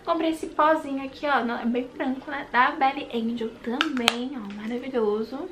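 Brazilian woman, beauty vlogger, high bright voice, gushes over products and slips into whispers, light background hiss. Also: normal speed. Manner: gushing and excitable, dropping into whispers. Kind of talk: casual makeup haul vlog. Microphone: handheld compact camera.

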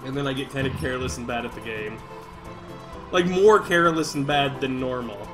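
A man's voice: mid-range voice, brisk. A tipsy man hosting a let's play, rambling and giggling as he chats casually over the gameplay. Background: game music.

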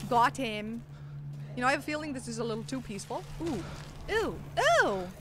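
A woman giving casual, chatty commentary while playing a video game, swearing and laughing at herself. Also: a little high. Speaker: gaming streamer. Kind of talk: casual let's-play commentary. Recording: loud game noise behind voice. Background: game ambience.

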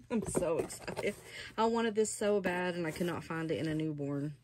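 An older woman chatting slowly and fondly in her small hobby room at home, gushing as she opens a doll box. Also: lowish voice, animated, a little hiss or hum. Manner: chatty, softly gushing, slow and unhurried. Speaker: reborn doll collector. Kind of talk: casual unboxing chat.

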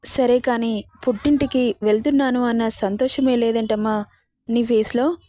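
A woman voicing a gentle, affectionate older father from a village who speaks tenderly to his daughter in a told story. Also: on the high side, steady tone, normal speed, dry recording, natural voice. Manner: tender, reassuring. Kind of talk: storybook narration.

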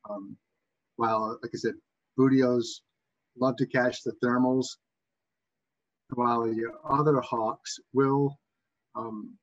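A man from Massachusetts with a Boston accent gives an informal slide lecture as an instructor, in a halting, backtracking way with a slightly husky voice. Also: mid-range voice, little pitch movement, muffled recording. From Massachusetts, USA. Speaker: bird identification instructor.

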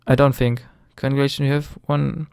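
Narrating a screen-recorded gaming tutorial, his first in English, a young German man talks a little fast in a flat, medium-pitched voice that's gravelly yet slightly mellow, clear and resonant. Nerves show in his hesitations, frequent ums and restarts, and the recording is clean and dry.

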